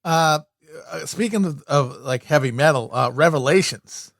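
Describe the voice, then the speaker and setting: A man chimes in on a podcast with halting, offhand remarks. His voice sits a little high, and the recording is dry. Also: fairly bright tone, no room sound. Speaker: podcast co-host. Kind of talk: casual chat.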